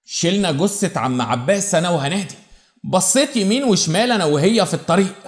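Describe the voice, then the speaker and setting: A man with an Egyptian accent narrating a dark first-person story, with an intense, brooding delivery and repeated phrases. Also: sits high, expressive, fast. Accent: Egyptian Arabic.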